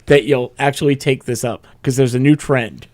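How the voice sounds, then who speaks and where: A man's voice: mid-range voice, steady tone, moderate pace, darkish tone. A man co-hosting a podcast in casual banter, joking and often laughing as he reads a story aloud. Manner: jokey, laughs often while reading. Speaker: podcast co-host.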